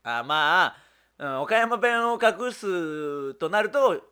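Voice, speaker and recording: A man from Okayama hosting a comedy radio show, firing off quick teasing retorts in casual banter. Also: sits high, very animated, sharp tone. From Tsuyama, Okayama, Japan.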